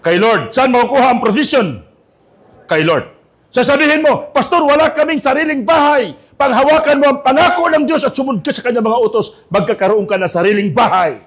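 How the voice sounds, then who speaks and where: A man with a notably high voice preaches from the pulpit, moving between personal stories and rousing declarations. He keeps drawing the congregation in with call-and-response prompts, his voice lifting high as he drives a point home. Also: brisk. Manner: animated, calls out to the congregation for responses. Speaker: pastor. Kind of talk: sermon with storytelling.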